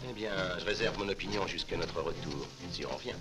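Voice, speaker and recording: A man playing a sober, skeptical lieutenant in a dubbed adventure film, speaking in a measured, reserved way. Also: deep voice, close to an everyday voice. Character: sober, skeptical male lieutenant recounting an expedition. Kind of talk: dubbed film dialogue and narration.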